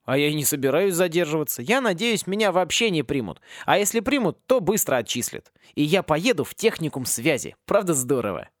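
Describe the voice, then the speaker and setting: A man's voice: on the high side, very animated, brisk, few pauses, dry recording, studio quality. A man voicing a cocky, talkative teenage boy wizard in a storybook. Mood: cheeky.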